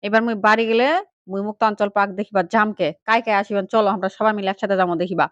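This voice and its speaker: Fast-talking woman with a Panchagarh accent. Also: medium pitch, fairly even intonation, no room sound, highs cut off. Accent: Panchagarh regional Bengali. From Panchagarh, northern Bangladesh. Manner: chatty, addresses viewers directly. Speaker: vlogger. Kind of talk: casual chat to viewers.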